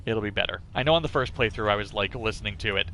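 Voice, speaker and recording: A man's voice: fairly low pitch, fast, noisy background. A man doing casual live game-stream commentary, chatting and thinking aloud as he plays. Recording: music behind the voice. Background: music.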